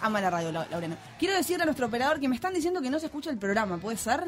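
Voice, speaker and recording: A woman with an Argentine accent hosting a comedy radio show, teasing her guest with deadpan interruptions. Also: fairly high pitch, rapid-fire. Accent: Argentine Spanish.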